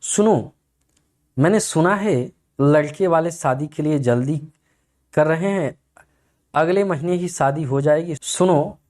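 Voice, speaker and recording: A man's voice: a little high, a little slow, long pauses, a little mellow, natural voice. A man voicing a scheming young woman who pleads sweetly with her lover while plotting to marry someone richer. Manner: sugary, pleading, two-faced.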